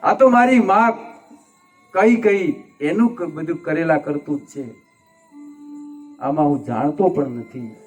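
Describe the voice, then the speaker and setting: A man's voice: on the high side, takes it slowly, long pauses, soft background music. A man voicing a young grieving prince who reproaches himself with tearful, impassioned pleading.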